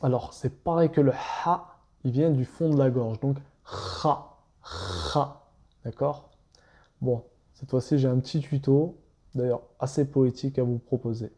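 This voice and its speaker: A man's voice: medium pitch, fairly even intonation, normal speed, mellow. A man teaching how to read letters step by step, patiently repeating each point and sounding out examples. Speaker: Arabic reading teacher. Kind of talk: step-by-step lesson narration.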